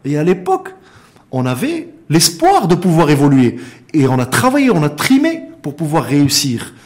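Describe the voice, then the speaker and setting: Pitch swooping wildly, this middle-aged man from Morocco talks at a moderate pace in a darkish, fairly high voice with a Moroccan accent. Interviewed as an organisation's founder and director, he speaks with passion and repeats words for emphasis.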